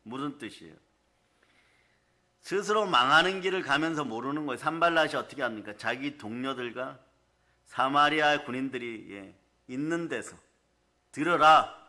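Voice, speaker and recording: Bright-voiced man preaching a sermon. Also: medium pitch, expressive, moderate pace. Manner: keeps asking the congregation questions. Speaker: pastor. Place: church in front of a congregation.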